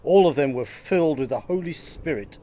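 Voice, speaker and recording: A man narrating a Bible passage in church, reading in a measured, steady way. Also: fairly high pitch. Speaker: Scripture reader.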